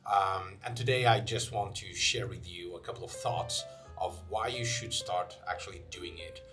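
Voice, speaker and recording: In a low-pitched voice at normal speed, a young Portuguese man hosts his channel, chatting to camera in English with a Portuguese accent. His talk is casual and packed with fillers and restarts, over faint guitar music.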